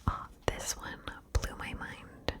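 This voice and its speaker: A woman whispering chatty ASMR, playful and soft, moving between left and right ear on a binaural mic. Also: slow pace. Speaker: ASMR creator.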